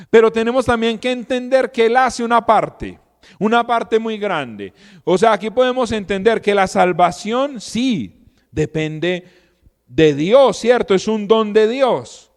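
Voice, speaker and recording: A man giving an animated, conversational Bible teaching. He keeps asking his listeners rhetorical questions. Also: sits high, big-room sound. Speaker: Bible teacher and podcast host.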